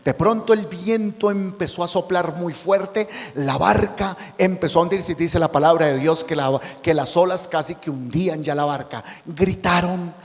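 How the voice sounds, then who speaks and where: Priest man preaching, kinda high voice, lots of reverb, gets loud and dramatic. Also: normal speed, hardly any pauses. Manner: emotional, dramatic storytelling, rising to loud emphasis. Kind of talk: sermon.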